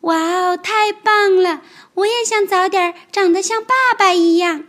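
A woman voicing a sweet, trusting baby ankylosaur in a squeaky, eager childlike voice. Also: lively intonation, measured pace, a bit bright, exaggerated voice.

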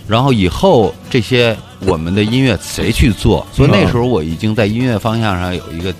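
Fast-talking low-voiced middle-aged man. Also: expressive, soft background music. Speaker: guest musician. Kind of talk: conversational interview storytelling.

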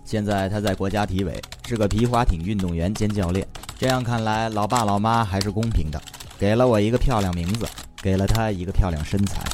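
Comic storyteller, man, Beijing accent, deep voice, wry mock-formal introductions, recorded with clear noise and keyboard clicking. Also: brisk. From Beijing, China. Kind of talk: comic scripted narration.

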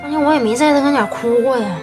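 A woman plays a proud, stubborn wife who talks fast and defensively. Her voice is slightly high, with flute music behind. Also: lightly acted. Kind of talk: TV series acting.

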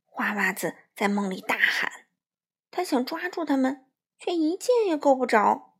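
A woman reading a children's picture book aloud to young listeners in a gentle, unhurried way. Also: sits high, very animated, husky.

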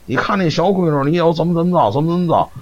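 A man's voice: a little high, expressive, fast talker, a little mellow. A man telling a folk ghost story on a live stream, chatty and always checking "you know?". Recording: dull lo-fi stream audio, faint noise.

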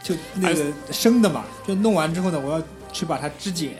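A man's voice: a little high, over loud music. A man in a casual group chat telling vivid stories and swearing freely. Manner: rapid, animated storyteller who swears freely.

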